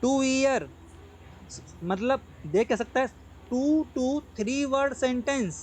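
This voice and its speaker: A man's voice: very high voice, extremely slow, a little mellow, a little hiss or hum, poor audio. A man teaching a lesson, repeating key points and often checking if his students follow, mixing English terms into his speech. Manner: repetitive, drilling, checks understanding often. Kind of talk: online lecture.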